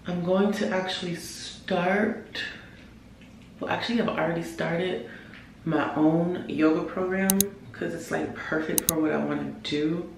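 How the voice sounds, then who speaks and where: Young woman, low voice, casual chatty vlog, roomy echo, faint background hum. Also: measured pace, vocal fry. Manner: chatty, relaxed, lots of "like" fillers. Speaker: yoga and wellness vlogger. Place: at home.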